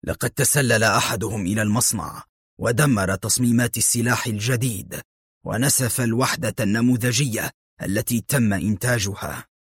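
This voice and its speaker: A cornered crime boss posing as an honest businessman, voiced by a male narrator, blustering to cover his fear. The voice is husky and dry, hovering at a middling pitch in this audiobook tale. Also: fairly quick, a bit bright, no room sound. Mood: shaken. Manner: blustering yet shaken. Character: nervous businessman secretly leading a crime ring.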